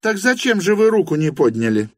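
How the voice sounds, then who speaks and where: A man's voice: very animated, a little fast, no echo, studio quality. A man reading an audiobook, voicing a bossy, suspicious middle-aged hostess who insists and commands. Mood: indignant. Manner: commanding, shrill and indignant.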